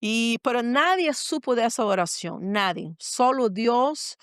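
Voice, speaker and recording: A woman's voice: a little high, lively intonation, a little slow, a bit bright, no echo, clean studio sound. Earnest middle-aged woman telling a story. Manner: earnest, repeats phrases, acts out her own words. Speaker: guest, pastor and mother. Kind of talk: personal storytelling in a podcast conversation.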